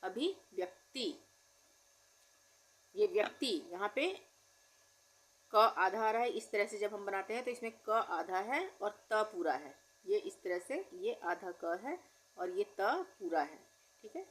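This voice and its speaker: A woman teaching difficult Hindi words, with an Indian accent, saying each word slowly and spelling it out patiently. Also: mid-range voice, lively intonation, husky. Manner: patient, drawn-out word-by-word pronunciation. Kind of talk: slow spelling-out lesson.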